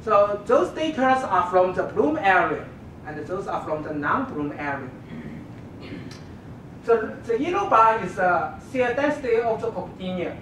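A woman giving an academic thesis defense presentation, explaining step by step in a halting way. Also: big pitch swings, a bit bright. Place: dark lecture room with projection screen. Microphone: distant camera microphone. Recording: distant, echoey room recording with rumbling noise.

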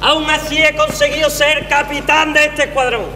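An actor playing a pompous patriotic army captain, declaiming in a comic stage sketch. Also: male voice, very high voice, level tone, normal speed, bright, forceful tone, full character voice. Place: theatre stage, far camera. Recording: echoey theatre hall, faint hum.

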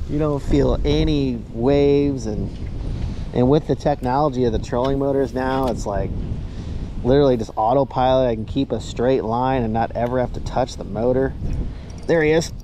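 A man hosting a fishing trip on a small boat, chatting casually, excitable and swearing freely. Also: medium pitch, normal speed. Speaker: angler host. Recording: outdoor boat and water noise.

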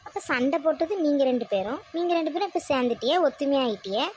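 A woman voicing an impatient young daughter-in-law in a family cartoon, sharp and argumentative. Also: high-pitched, expressive, fast, slight background noise. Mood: arguing.

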